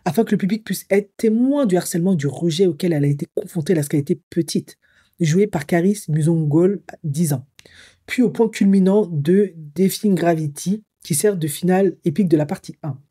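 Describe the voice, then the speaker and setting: A woman from Africa comments in her vlog. Her low, husky, mellow voice drifts along as she reflects aloud. She hesitates often as she weighs her opinions. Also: a little fast. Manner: musing and hesitant, thinking aloud with frequent fillers. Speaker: psycho-emotional coach. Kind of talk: commentary vlog, partly reading an article aloud.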